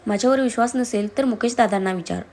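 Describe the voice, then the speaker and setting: A woman's voice: on the high side, fast talker, warm tone, close to an everyday voice. Woman reading as a fierce young woman, angry and accusing, storybook style. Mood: furious. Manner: heated, accusing.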